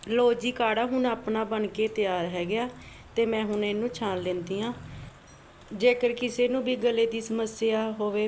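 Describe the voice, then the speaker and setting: A woman's voice: mid-range voice, a little mellow. Woman, cooking channel host with a sore throat, homely step-by-step kitchen narration, faint background noise. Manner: homely, repetitive step-by-step instructions. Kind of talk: home cooking vlog narration. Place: home kitchen.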